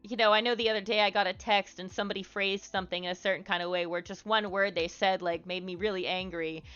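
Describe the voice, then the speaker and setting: A young woman with a bright, smooth voice chats candidly on a live stream. She rambles with plenty of "like" and "um", talking openly with her viewers. The audio is dull and lo-fi, with faint music playing underneath. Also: medium pitch, fairly even intonation, fast talker. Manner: rambling, many fillers and "like"s, candid. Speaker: live streamer answering chat. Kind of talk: casual live-stream advice chat.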